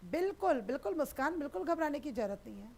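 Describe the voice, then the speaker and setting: Female tutor, high pitch, affectionate and reassuring, live online class. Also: sing-song, fast. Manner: affectionate, reassuring, calls students beta. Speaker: sociology teacher.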